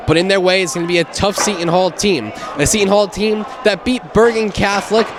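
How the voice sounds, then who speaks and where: A man's voice: sits high, noisy background. A man giving hockey play-by-play and game previews as a sports commentator. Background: music.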